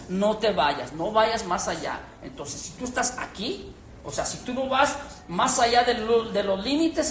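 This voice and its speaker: A woman teaching a Bible class to a group, animated and quizzing her listeners. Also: fairly high pitch, a little hiss or hum. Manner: animated, questions the audience, acts out quotes. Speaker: church teacher. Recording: echoey room with faint ambience.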